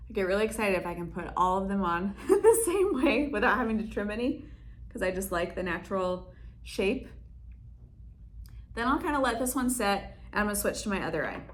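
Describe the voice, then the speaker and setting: A woman's voice: medium pitch, very animated, a little fast. Young woman vlogging a lash how-to, chatty, giggly, lots of likes and ums. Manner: chatty, laughs often, many fillers. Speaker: beauty vlogger. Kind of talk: casual tutorial chat. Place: room in her salon.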